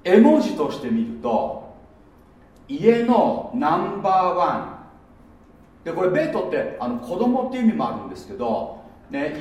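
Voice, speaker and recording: Man pastor, casual whiteboard sermon, slightly high voice, far from the mic in a boomy room. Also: very echoey. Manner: animated, chatty, many fillers and asides. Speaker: pastor teaching a church gathering. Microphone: no microphone, speaking in natural voice.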